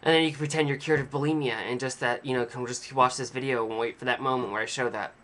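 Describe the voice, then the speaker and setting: A man's voice: mid-range voice, fast. A young man casually telling a rambling, self-mocking story to a camera in his home vlog. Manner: chatty, animated, self-mocking. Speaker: vlogger.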